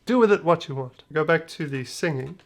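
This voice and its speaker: A man's slightly high voice comes across animated and brisk as he hosts a music production tutorial. The screen-share talk stays casual, with loose jokes, slang and trailing phrases.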